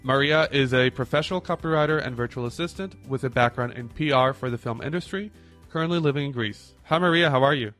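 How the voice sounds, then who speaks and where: A man's voice: medium pitch, quick pace, a bit bright, faint music behind. A man in his thirties hosting a podcast, friendly and playful with his guest. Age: 30s. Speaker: podcast host. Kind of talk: casual podcast interview.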